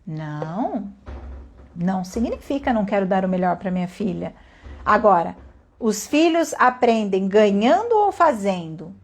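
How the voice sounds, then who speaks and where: A woman giving a calm, reflective spoken lesson at an unhurried pace, often pausing to ask her listeners questions. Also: on the high side. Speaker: teacher.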